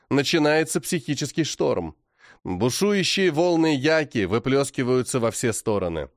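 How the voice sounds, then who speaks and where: A man narrating a first-person fantasy audiobook in a dramatic, expressive way. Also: mid-range voice, no room sound, clean studio sound.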